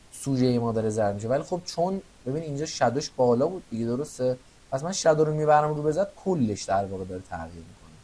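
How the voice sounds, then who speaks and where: A young man walks through a software lesson in an easygoing, conversational tone. He pauses to think aloud and often checks that the listener is following. His pitch sits in an ordinary middle range. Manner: informal, thinks aloud while explaining. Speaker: Photoshop instructor. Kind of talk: screen-recorded software tutorial.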